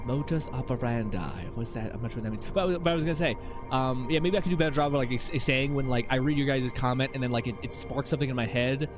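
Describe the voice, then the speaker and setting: Chatting casually with his live-stream viewers, this young adult streamer reads chat, laughs a lot, rambles and keeps restarting. He talks fast in a mid-range voice over music.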